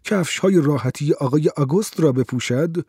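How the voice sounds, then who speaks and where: A man's voice: on the high side, dark tone, breathy edge, no echo, studio quality, voice pushed up. A man reading the part of a loyal housemaid who frets and fusses anxiously. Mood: fretting. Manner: anxious, fussing. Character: loyal, fussy female housemaid. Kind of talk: audiobook character reading.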